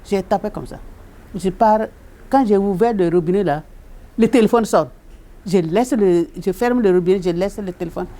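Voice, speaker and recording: A woman, a religious sister, recounts her years in a hospital chaplaincy as a personal faith testimony. Her voice is soft, dark and warm. She circles back over the same phrases and leaps sharply upward when she acts out the people she quotes. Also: moderate pace. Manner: repetitive, retells with quoted dialogue and sudden high leaps.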